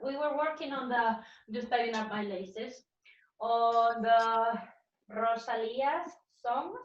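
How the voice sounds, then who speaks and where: A woman teaching an online flamenco class, chatty and encouraging as she counts out the steps. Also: fairly high pitch. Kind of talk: online dance class instruction. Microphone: laptop mic on a video call. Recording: roomy, distant, lo-fi video call audio.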